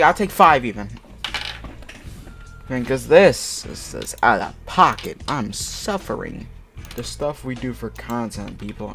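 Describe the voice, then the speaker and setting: Hosting an online video, a man with a medium-pitched, fairly bright voice reads fan fiction aloud for comic effect, adding casual commentary. Music plays behind him as he fumbles words and breaks off into profane, slangy, exasperated remarks.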